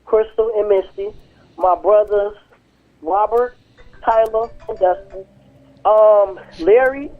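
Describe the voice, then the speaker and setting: A young man calls in over a thin, tinny phone line. His voice is high for a man. He talks haltingly and rambles, stopping often to search for words. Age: 20s. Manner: hesitant, rambling with fillers. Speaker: musician calling in. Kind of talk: casual phone interview. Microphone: telephone.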